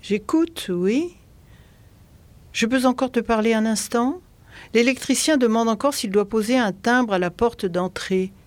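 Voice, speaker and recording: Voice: mid-range voice, unhurried, no room sound, pitched above the performer's own voice, close to an everyday voice. A reader voicing a practical, chatty wife calling her husband about household repairs, in an audiobook. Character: homely wife calling on the phone.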